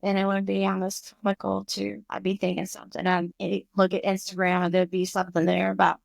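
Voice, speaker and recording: Woman in her 50s, kinda gravelly voice, dry close sound, tells her story all animated and emotional. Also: medium pitch, a little fast, no echo. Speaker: guest, recovery school founder. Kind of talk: personal storytelling in a podcast interview.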